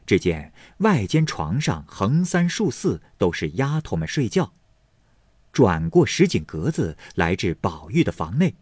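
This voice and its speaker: A man narrating a classic novel as a storybook reading, in a slow storytelling manner. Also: lowish voice, darkish tone, husky, no echo, clean studio sound.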